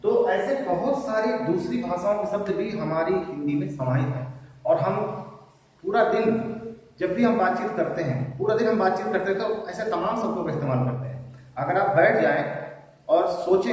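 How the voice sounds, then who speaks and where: A man's voice: high-pitched, moderate pace. A man teaching a Hindi grammar class online, giving word examples and often checking in with his students. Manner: explains with examples and frequent "theek hai" checks. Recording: echoey room, voice far from the mic.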